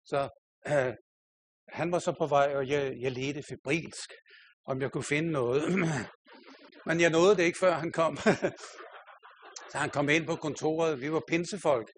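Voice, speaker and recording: Self-mocking older Danish preacher. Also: male voice, a little high, fairly even intonation, long pauses, a little hiss or hum. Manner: storytelling, self-mocking, laughing often. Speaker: pastor. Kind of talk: sermon with personal anecdote.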